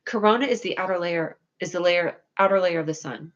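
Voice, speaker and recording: Fairly quick and fairly low in pitch, a young woman's whiny, needy voice comes through a muffled recording as she casually addresses her stream viewers. She rambles, scatterbrained and self-critical, breaking into excited squeals now and then.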